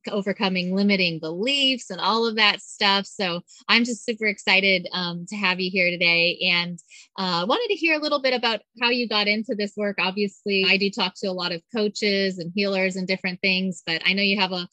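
A woman's voice: mid-range voice, a little fast, pushed and bright, dry recording, rough recording. A woman hosting a spiritual podcast, interviewing a guest in an enthusiastic, casual way with some fillers. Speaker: podcast host.

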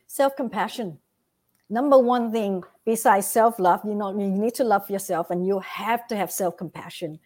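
A woman with a Vietnamese accent speaks at medium pitch and a moderate pace, her tone darkish. As a guest in a motivational interview, she gives earnest advice and often checks in with "right?".

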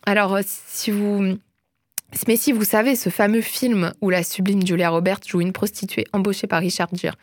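A woman's voice: mid-range voice, fairly even intonation, normal speed, no room sound, clean studio sound. A young woman recommending films and series in a chatty, enthusiastic way, laughing often. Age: young adult. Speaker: host. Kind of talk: casual film and series recommendations.

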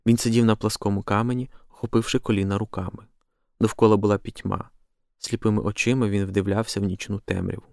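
A man reading a literary story aloud in a steady, expressive way. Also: fairly low pitch, quick pace, vocal fry, dry recording, clean studio sound. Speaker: reader.

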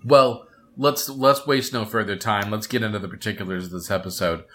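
Guy co-hosting a podcast, low-ish bright voice, lots of uhs and restarts, chatty. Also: fairly even intonation. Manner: rambling, halting with many fillers and restarts. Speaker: podcast co-host. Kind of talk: casual chat about a cartoon episode.

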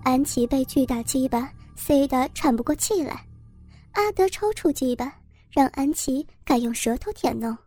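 Woman narrator, high bright pitch, steady story reading, faint music underneath. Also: normal speed. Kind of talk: scripted narration.

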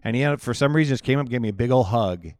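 A man's voice: mid-range voice, rapid-fire, darkish tone, dry recording, studio quality. A male pastor telling his life story in an interview, candid and chatty, often laughing at himself.

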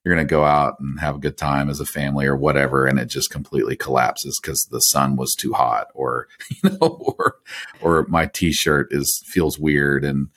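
A man's voice: extremely low pitch, flat delivery, moderate pace, a bit bright. A man hosting a podcast, asking thoughtful, rambling questions in a casual interview. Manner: thoughtful, rambling, restarts phrases. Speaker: podcast host.

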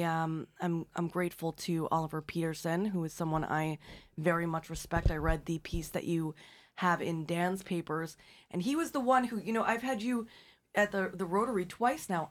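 Lower-pitched woman radio host, dry sound. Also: no echo. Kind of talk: conversational radio hosting.

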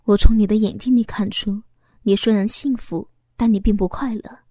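Sly teasing young guy, woman reading him, soft and close, mellow tone, dry close mic. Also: mid-range voice, steady tone, normal speed, breathy edge, no room sound, close to an everyday voice. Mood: intimate. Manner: playful, sly, softly intimate. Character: young man, teasing, devoted lover.

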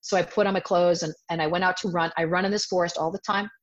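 Woman, 40s, self-defense teacher, animated storyteller, lowish voice, dull lo-fi sound. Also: fast. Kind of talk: storytelling in an interview. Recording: dull lo-fi audio.

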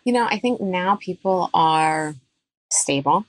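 This woman dentist, a podcast guest, speaks slowly and animatedly, giving advice emphatically in a somewhat low voice. The interview audio is dry and close-miked, with no echo from the room.

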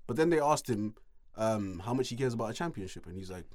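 A man co-hosting a casual basketball podcast, mocking a player with animated rants and frequent laughter. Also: lowish voice, fast, no echo. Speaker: podcast co-host. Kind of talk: casual sports chat.

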